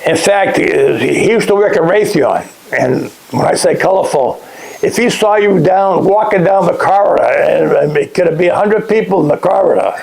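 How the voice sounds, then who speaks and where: An older man, recalling lodge days in a casual interview, halting and restarting often. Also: high voice, expressive, creaky, darkish tone, low-quality recording. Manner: halting, many restarts, chuckles at his own remarks. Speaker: interviewee, past lodge master. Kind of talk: casual oral-history interview.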